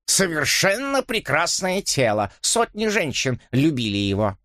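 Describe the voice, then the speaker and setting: A man reading an audiobook, voicing a stiff, easily offended older gentleman with a pompous manner. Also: a little high, sing-song, a little slow, no echo, studio quality, voice pushed up. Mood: indignant. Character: stiff, indignant older gentleman, bony and proper.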